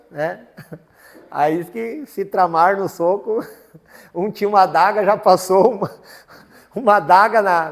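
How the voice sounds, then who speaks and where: A man preaching a sermon as pastor, telling a family story in a folksy way with frequent tag questions. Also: high voice. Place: church. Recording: church hall with long reverb. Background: long hall reverb.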